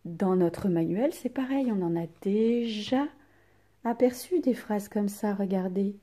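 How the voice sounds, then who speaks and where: A woman teacher giving a recorded lesson to children, speaking with exaggerated rising and falling intonation and pausing for pupils' answers. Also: medium pitch, warm tone. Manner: slow, exaggerated intonation to demonstrate punctuation; asks pupils questions and leaves pauses for answers. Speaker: primary school teacher.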